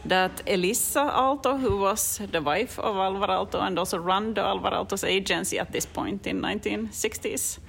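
A woman's voice: medium pitch, normal speed, creaky, hardly any pauses, fairly bright tone, a little hiss or hum. A woman from Finland, a culture centre director, explaining the place on a guided-tour interview, thoughtful and hesitant.

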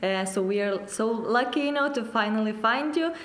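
A woman with a Lithuanian accent, a cheerleading coach answering interview questions, often pausing with fillers and "you know". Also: fairly high pitch, lively intonation, a bit bright, echoey room. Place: dance studio.

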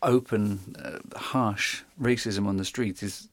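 A man hosting a radio interview, asking measured, thoughtful questions. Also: lowish voice, steady tone, dry recording. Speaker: radio show host.

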